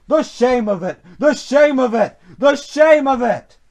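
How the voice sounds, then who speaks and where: Male narrator as proud grumbling locomotive, storybook character, raised animated pitch, indignant, booming, drawn-out delivery. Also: full character voice. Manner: booming, indignant, repetitive exclamations. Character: proud, grumbling, cross big male steam engine.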